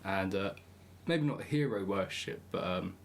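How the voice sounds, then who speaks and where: A man's voice: low-pitched, animated, normal speed, slight background noise. A man guesting on a casual film podcast, telling stories with wry, dry humour. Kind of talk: casual film review chat.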